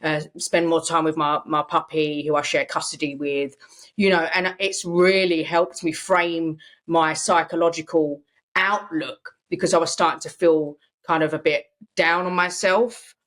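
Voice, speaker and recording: A young adult woman co-hosts a casual podcast conversation with a slightly low-pitched voice. She talks in an earnest, reflective way and often pads her points with "you know.". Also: fairly even intonation, unhurried, a bit bright. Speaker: podcast co-host. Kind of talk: casual chat.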